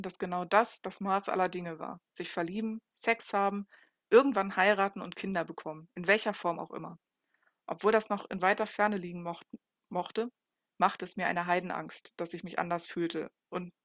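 A woman narrating a first-person novel in a calm, even reading voice. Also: mid-range voice, no echo, studio quality. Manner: calm, even reading with occasional small slips. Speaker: audiobook narrator.

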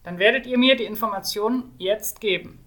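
A woman voicing a suspicious, gruff male inquisitor who snaps orders, in a fantasy story she reads aloud. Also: medium pitch, fairly quick, a bit bright, lightly acted. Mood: demanding. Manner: curt, snapping.

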